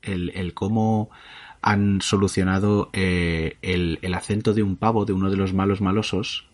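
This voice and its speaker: A man's voice: low-pitched, flat delivery, a little slow. A man co-hosting a podcast, chatting casually, rambling and correcting himself mid-sentence, with casual swearing. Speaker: podcast co-host. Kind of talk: casual chat.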